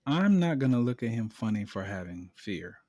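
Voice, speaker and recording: A man co-hosting a podcast, calmly laying out his argument point by point in casual debate. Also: fairly low pitch, no echo, clean studio sound. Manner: measured, explains point by point. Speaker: podcast co-host.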